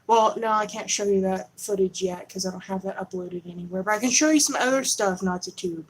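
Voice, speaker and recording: A woman's voice: mid-range voice, a little fast, slight background noise, rough recording. A woman hosting a rambling, conspiratorial livestream from her home, talking casually into a camera on a holder. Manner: chatty, conspiratorial, self-interrupting. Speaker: livestream host. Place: home in Texas.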